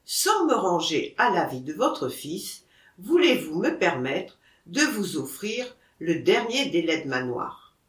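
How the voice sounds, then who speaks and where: A woman reading as a courteous gentleman. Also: on the low side, very animated, slow, roomy sound, far from the mic. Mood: polite.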